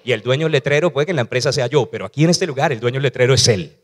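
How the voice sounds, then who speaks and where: Man preaching a lively sermon. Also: mid-range voice, racing. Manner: preaching with rhetorical questions, asking the congregation to repeat lines. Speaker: pastor.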